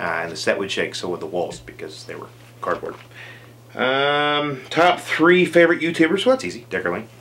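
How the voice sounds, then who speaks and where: A man's voice: sits low, fairly bright tone, a little hiss or hum. A man vlogging answers to viewer questions in a casual chat, rambling with many fillers and dry jokes.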